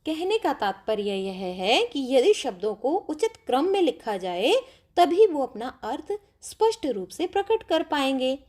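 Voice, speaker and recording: A woman's voice: high voice, sing-song, unhurried, darkish tone. A woman teacher explaining grammar to pupils step by step, often asking them questions. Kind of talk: classroom grammar lesson.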